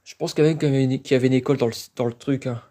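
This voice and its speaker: A man's voice: medium pitch, fairly even intonation, racing, dark tone. A man giving casual, hesitant live-stream commentary while exploring an abandoned site outdoors, talking into a handheld phone. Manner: casual, hesitant, thinking aloud.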